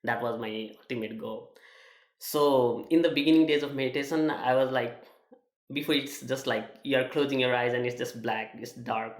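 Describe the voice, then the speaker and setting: A young man from Nepal speaks in a personal testimonial with a Nepali accent, pausing often and restarting his sentences. His voice is gravelly and stays flat in pitch. The room around him adds a noticeable echo. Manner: halting, many fillers and restarts. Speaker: student sharing his experience.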